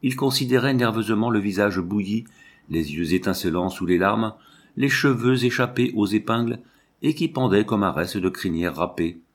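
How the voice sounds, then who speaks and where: Low-voiced male audiobook narrator. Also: normal speed. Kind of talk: scripted novel narration.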